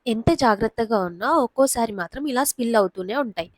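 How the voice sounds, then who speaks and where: Woman, 30s, home vlogger; calm how-to voice-over, dry close sound. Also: fairly high pitch, fast talker, no echo. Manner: calm, explanatory. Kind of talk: instructional voice-over.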